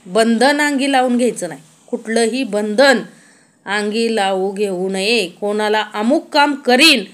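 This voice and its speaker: A woman giving a devotional discourse, reciting verses slowly and then explaining them in a conversational way with rhetorical questions. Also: fairly high pitch. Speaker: spiritual lecturer.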